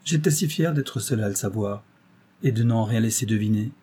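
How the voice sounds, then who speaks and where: A man's voice: lowish voice, fairly quick, husky. A man reading aloud voices a playful, mischievous young woman who teases an older man. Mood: teasing. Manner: lively, teasing.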